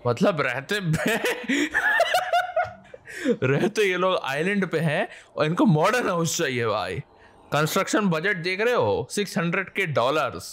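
A man hosting a gaming channel, giving excitable, playful commentary full of exclamations. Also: a little high, moderate pace, slight background noise.

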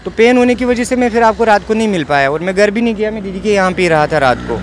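A man's voice: high-pitched, animated, fast talker. A young man with a Kashmiri accent, earnestly recounting in an interview how he was beaten, pleading and repeating himself. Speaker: interviewee, assault victim. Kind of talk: emotional eyewitness account. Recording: outdoor street noise behind.

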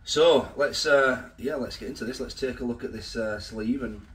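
A man's voice: medium pitch, moderate pace. A man with a nasal voice from a cold, chatting casually in his kitchen as he reviews food for his vlog. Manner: chatty and rambling, with filler restarts. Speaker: food vlogger. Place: home kitchen. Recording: slightly distant from the mic.

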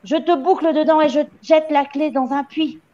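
Storybook tyrant headmistress voiced by a woman: high, screaming, harsh, on dull lo-fi audio. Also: steady tone, normal speed, mellow, lightly acted. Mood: furious.

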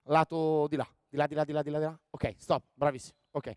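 A man running a basketball coaching clinic on the court, directing players with quick commands and frequent "ok?". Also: a little high, flat delivery, darkish tone, smooth, dry recording. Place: indoor sports hall.

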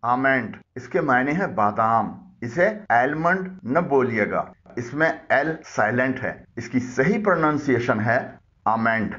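Man calmly explaining word pronunciations. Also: medium pitch, measured pace, hardly any pauses, dull audio. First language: Urdu. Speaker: language teacher. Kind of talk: explanatory lesson.

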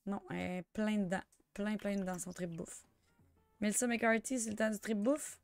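A young woman with a Quebec French accent chatting through a life-sim game, excitable and sprinkling in English slang. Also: medium pitch, normal speed, no room sound, faint music behind. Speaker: gamer. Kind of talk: let's play commentary.

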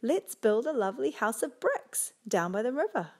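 A woman's voice: a little high, sing-song, normal speed, a little mellow, pitched above the performer's own voice. A woman voicing a cheerful, kind young girl in a children's story. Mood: eager.

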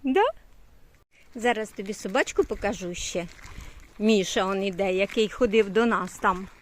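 A retired Ukrainian woman in her sixties, a great-grandmother who vlogs, chats casually while out on an evening walk. She also coos baby talk to a toddler. Her voice is medium-pitched and moves at a normal speed.

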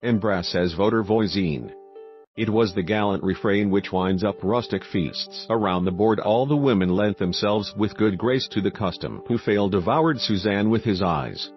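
A man giving a steady, scripted audiobook narration. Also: fairly low pitch, moderate pace, hardly any pauses. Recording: dull recording with faint music.

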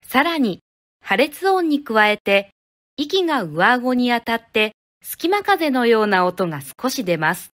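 A woman from Japan teaching pronunciation, speaking clearly and deliberately and modeling each syllable one at a time. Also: on the high side, big pitch swings, a bit bright, dry recording, clean studio sound. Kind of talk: slow, careful teaching of pronunciation.

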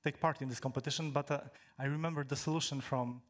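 On a stage in a large indoor hall, a young Polish man, a native Polish speaker, gives a technical talk to an audience through a handheld mic. His pitch is middling and his intonation fairly even. He halts and restarts often, filling the gaps with "uh".

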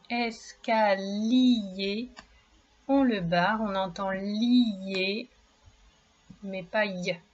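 A woman's voice: medium pitch, muffled recording. A woman teaching a children's reading lesson, speaking patiently and encouragingly and stretching out each word and syllable. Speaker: primary school reading teacher. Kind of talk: slow, clearly articulated reading lesson for young children.

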